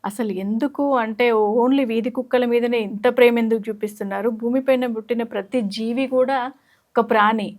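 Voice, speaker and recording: A woman hosting a talk channel, indignant and quick to agree. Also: fairly high pitch, steady tone, a little mellow. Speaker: host.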